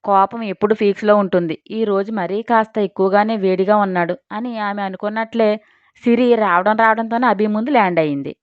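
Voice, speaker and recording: A woman's voice: medium pitch, a little fast, no room sound. Woman narrating a dramatic audio story. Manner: dramatic, expressive telling. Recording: dry, slightly dull recording.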